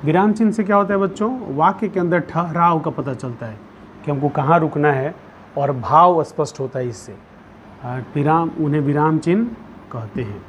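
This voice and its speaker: A man teaching a Hindi grammar lesson. He dictates notes slowly, repeats each phrase and puts questions to the pupils. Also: a little high. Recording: dull lo-fi sound with faint background noise.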